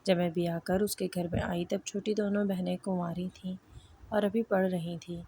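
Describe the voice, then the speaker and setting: A woman narrating an emotional first-person story in an even, measured way. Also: lowish voice, slight background noise.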